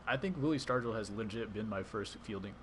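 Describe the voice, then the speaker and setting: A man with a lowish voice speaks briskly as he streams his baseball video game, casually commentating and answering his chat as he plays. There is a little hiss or hum in the recording.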